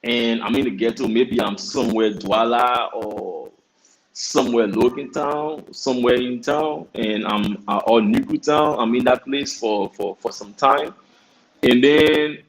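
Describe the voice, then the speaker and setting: A young man telling his personal testimony in a halting, earnest way, often repeating words. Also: medium pitch, a little hiss or hum, rough recording. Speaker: guest. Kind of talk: personal testimony in a talk show interview.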